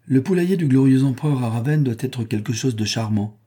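A man's voice: medium pitch, lively intonation, fairly quick, warm tone, husky, pitched above the performer's own voice. A man doing a vain, bossy noble lady. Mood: gushing. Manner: effusive, commanding.

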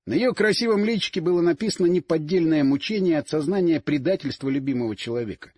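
A man narrating an audiobook in a lively, expressive way. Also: on the high side, quick pace, slightly rough, no room sound, clean studio sound. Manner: lively, animated reading.

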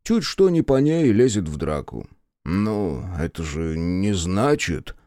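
A man's voice: deep voice, sing-song, slow, mellow, no echo, studio quality, full character voice. Man reading a worried, folksy old father. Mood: confiding. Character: weary, worried older father, plain-spoken.

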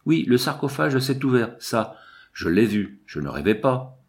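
A man's voice: mid-range voice, very animated, measured pace. A man reading an audiobook, voicing an insistent guard with a southern French accent. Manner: insistent, emphatic.

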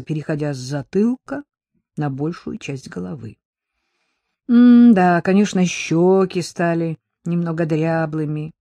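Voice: medium pitch, warm tone, no echo. An audiobook narrator reading in a wry, conversational way. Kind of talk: scripted narration.

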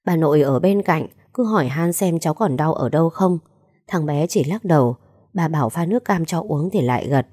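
A woman reads a story aloud, steady and measured. Her voice is low and warm, and the recording is close and dry. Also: slightly rough, no echo. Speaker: narrator. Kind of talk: audiobook story narration.

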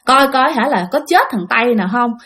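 A woman's voice: fairly high pitch, lively intonation, brisk, a bit bright. A woman voicing a stubborn husband who brushes off his wife's fears. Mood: scoffing. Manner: scoffing, brusque. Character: stubborn dismissive husband, money-minded.

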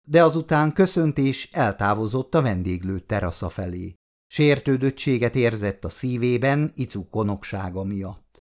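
A man reading a novel aloud in an expressive, dramatic way. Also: medium pitch. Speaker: narrator. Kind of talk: audiobook narration.

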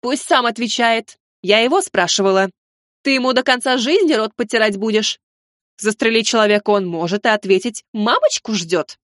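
A stern, imperious old great-grandmother, voiced by a woman in an audiobook. She scolds coldly and commands, in a rather high voice. The sound is dry and close. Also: normal speed, fairly bright tone, no room sound, close to an everyday voice.

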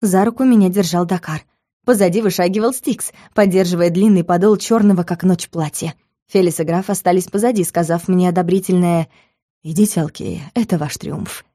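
A woman reading a first-person audiobook with even, expressive storytelling. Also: on the low side, fairly quick, no room sound, clean studio sound. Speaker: audiobook narrator.

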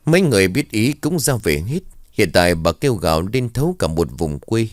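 A man narrating a somber village ghost story in a steady storytelling manner. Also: lowish voice, moderate pace, no echo, studio quality.

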